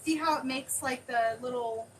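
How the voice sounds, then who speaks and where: A woman demonstrating a craft on a live stream, chatting excitably and thinking aloud as she works. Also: high-pitched, moderate pace. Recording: distant mic with clear background noise.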